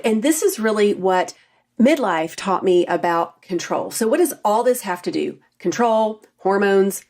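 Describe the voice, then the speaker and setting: A woman's voice: mid-range voice, a little mellow. Earnest middle-aged woman podcast host. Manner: earnest, personal, confiding. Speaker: podcast host and health coach. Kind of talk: solo faith-based podcast talk.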